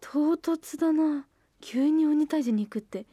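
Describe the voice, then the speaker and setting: A woman's voice: high-pitched, a little slow, warm tone, dry recording. A woman playing a schoolgirl who reacts with quizzical, muttered asides while reading a strange book. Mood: puzzled. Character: puzzled schoolgirl reading in a library.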